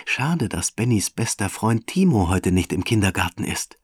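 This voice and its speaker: A man reads a children's story aloud in a calm, evenly paced way. His voice is low and a little breathy. The recording is dry and close. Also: normal speed, no echo. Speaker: narrator.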